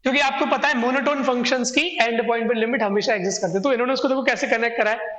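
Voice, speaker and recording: A man's voice: extremely high pitch, sharp tone. A man teaching a math exam solution lecture, explaining step by step and speaking directly to his students. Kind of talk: exam solution lecture, mixing Hindi and English. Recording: echoey room with long reverb.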